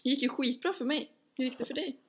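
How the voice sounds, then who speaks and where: A woman's voice: high-pitched, noisy background. A young woman, co-hosting a casual podcast chat in a teasing, rambling, giggly way. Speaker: podcast co-host.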